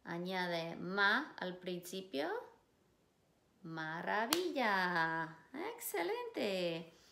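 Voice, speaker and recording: A woman teacher leading a syllable drill for children, saying single words slowly and clearly for the class to repeat. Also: medium pitch, sharp tone. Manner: slow, clearly enunciated word-by-word drilling. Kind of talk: phonemic awareness drill for children.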